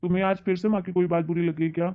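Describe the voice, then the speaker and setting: A man's voice: high-pitched, flat delivery, very fast, clear, resonant tone, close to an everyday voice. Man voicing young husband, kinda dismissive, dull muffled sound. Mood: questioning.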